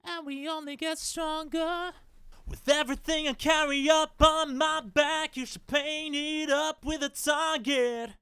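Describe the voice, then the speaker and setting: A man's sung vocal track played back pitched up an octave, so it sounds like a helium chipmunk. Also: fairly even intonation, unhurried, sharp tone, no room sound, soft background music.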